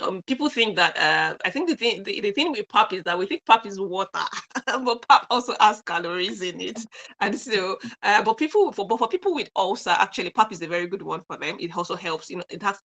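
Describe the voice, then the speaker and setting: A man's voice: high-pitched, sharp tone. A man explaining healthy eating in a practical, patient way, with many "you know" fillers and light chuckles. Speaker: health and nutrition advisor.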